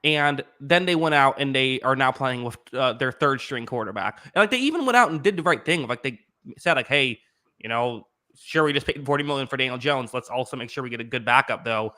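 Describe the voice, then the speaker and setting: A man's voice: medium pitch, animated, a little fast, sharp tone. A man hosting a sports podcast, chatting casually about football with many fillers and restarts.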